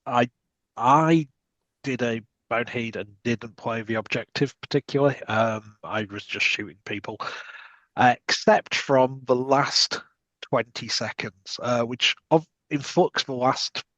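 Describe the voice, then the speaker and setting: A man's voice: medium pitch, measured pace, dry recording. A British man hosting a casual podcast chat, rambling with lots of ums while he explains game types. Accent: British English. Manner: relaxed, rambling with many ums. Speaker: podcast host. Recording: dull lo-fi mic.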